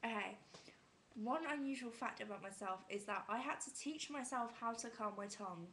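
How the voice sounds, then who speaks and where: A woman's voice: a little high, moderate pace, a bit bright, a little hiss or hum. A young British woman chatting casually with a friend, giggly and self-deprecating. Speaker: vlogger.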